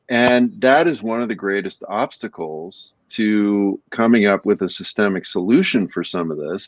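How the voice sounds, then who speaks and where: Low-voiced man, thoughtful podcast co-host. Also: dry recording, lo-fi sound. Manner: thoughtful, often checks in with "right?". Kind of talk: casual discussion.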